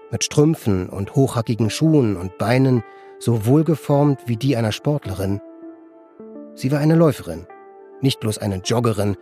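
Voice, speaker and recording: A man reading an audiobook in measured, even narration. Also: mid-range voice.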